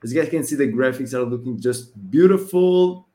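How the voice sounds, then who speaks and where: A man's voice: medium pitch, brisk, warm tone. A man co-hosting a gaming podcast, talking casually and with enthusiasm. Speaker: podcast co-host.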